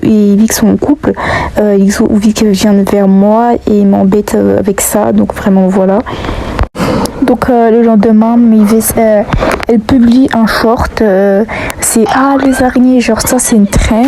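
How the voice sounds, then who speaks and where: A woman's voice: medium pitch, dark tone, a little hiss or hum, poor audio. A woman telling a storytime vlog, hesitant and full of fillers, often dropping to a half-whisper. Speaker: YouTuber telling online drama.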